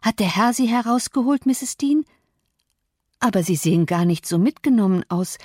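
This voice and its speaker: A gossipy middle-aged housemaid from a storybook reading, put on by a woman narrator, pitched well above her usual speaking voice. She chatters on eagerly about rumours. Dry, close recording with no room sound. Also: animated, moderate pace, darkish tone, dry recording.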